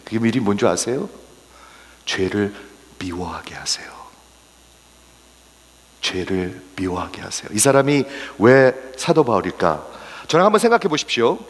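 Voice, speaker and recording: A male pastor preaching a sermon, swinging from raised exclamations to hushed, whispered asides and mixing English words into his Korean. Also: mid-range voice, long reverb tail.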